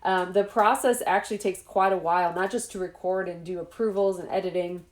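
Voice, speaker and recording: A woman's voice: on the low side, a little fast. Woman host, casual at-home chat, bubbly with frequent laughs, echoey room sound. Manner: bubbly, laughs often, animated asides. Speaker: author hosting an interview.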